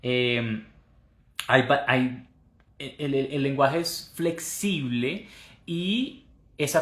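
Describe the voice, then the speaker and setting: Man, English teacher, live online lesson, patient explanations, slow repeated drill phrases, roomy echo. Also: medium pitch, fairly bright tone. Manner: switches between Spanish and drilled English phrases.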